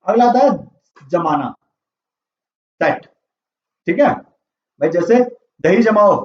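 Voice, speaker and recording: A man's voice: high voice, animated, slow pace. Man teaching vocabulary in a roomy classroom. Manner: quizzing and repeating answers. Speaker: English teacher. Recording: roomy, distant, dull classroom audio.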